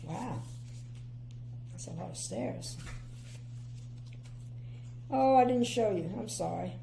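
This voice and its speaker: A grandmother's expressive, slow voice sits at medium pitch and sounds gravelly, with a little hiss or hum in the background. She reads a bedtime storybook aloud and sprinkles in chatty remarks full of her own gentle opinions.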